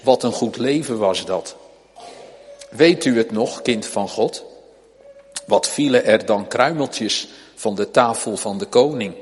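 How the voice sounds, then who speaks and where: A man's voice: lowish voice, animated, slow, pauses often, a little hiss or hum. A man preaching a sermon to his congregation, pleading earnestly and urgently, with rising emphasis. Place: church. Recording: long reverb of a church hall.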